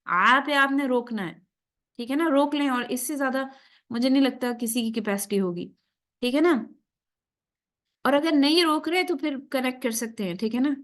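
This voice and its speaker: A woman teaching a tajweed class, slipping English phrases into her talk and often checking that students follow. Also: sits high. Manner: keeps checking in with students after each point; mixes English phrases into Urdu. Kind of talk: class lecture.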